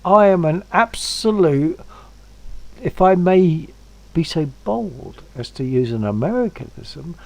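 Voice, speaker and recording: A man's voice: on the high side, lively intonation, slow, creaky, a little mellow, rough recording. A man chatting casually on a livestream, wordy and self-deprecating. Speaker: stream guest.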